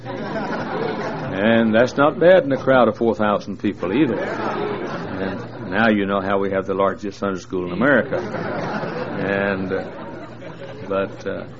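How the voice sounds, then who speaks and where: In a large church, a man in his sixties preaches as a guest, joking folksily with the big congregation and filling his speech with fillers. His voice is lowish and his pace slow, broken by long pauses, while a crowd can be heard behind him. The recording sounds dull and lo-fi with faint noise.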